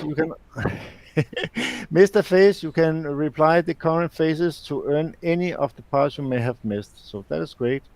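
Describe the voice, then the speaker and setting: A man hosting a live show, reading game release notes aloud in a halting way with many fillers and restarts. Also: on the high side, a little mellow, dry recording, low-quality recording.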